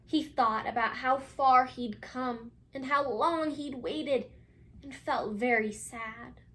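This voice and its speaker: A woman reading a picture book aloud for children, expressively and with dramatic pauses, speaking directly to her young listeners. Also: high voice, fairly bright tone. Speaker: children's story reader.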